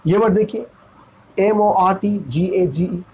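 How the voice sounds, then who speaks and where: A man's voice: high-pitched, slow, darkish tone, slight background noise, low-quality recording. A man from India teaching pronunciation, repeating each word and spelling it out letter by letter. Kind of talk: classroom pronunciation lesson.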